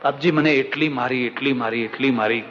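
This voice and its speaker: A man voicing a poor young woman beggar who pleads in a soft, sorrowful tone. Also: medium pitch, brisk, in a large hall, muffled recording, noisy background, voice pushed down, lightly acted. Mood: pleading.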